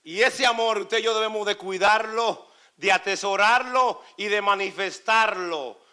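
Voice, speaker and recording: Predicador dominicano de voz aguda y brillante. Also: male voice, high-pitched, a little slow, bright, forceful tone, clear, resonant tone. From Dominican Republic. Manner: emphatic, repetitive preaching cadence. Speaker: preacher. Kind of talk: sermon.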